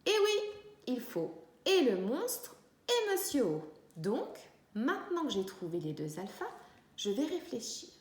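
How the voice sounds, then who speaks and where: Slow, lively woman teaching young children. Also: a little high. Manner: slow, clear teacher talk, stretching out syllables. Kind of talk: early reading lesson for young children. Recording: echoey room.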